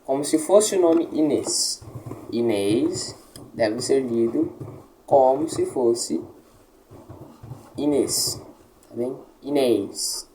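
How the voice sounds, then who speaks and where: A man's voice: medium pitch, slow pace, mellow, a little hiss or hum, low-quality recording. A man teaching Latin pronunciation, patiently modelling words and checking with his listeners. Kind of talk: pronunciation lesson.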